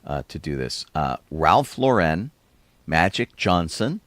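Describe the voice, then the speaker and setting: A man's voice: low-pitched, sing-song, slow pace, fairly bright tone, dry recording. A man co-hosting a podcast, chatting casually and telling rambling stories with small chuckles. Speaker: podcast co-host. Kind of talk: casual chat.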